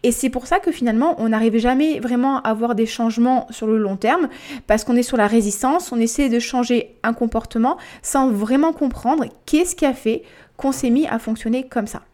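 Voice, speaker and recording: A young woman talks through her solo podcast in a casual, explanatory way. She repeats words and fills pauses as she goes. Her voice sits a little high. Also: warm tone. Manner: chatty, explanatory, with fillers and repetitions. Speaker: podcast host and life coach.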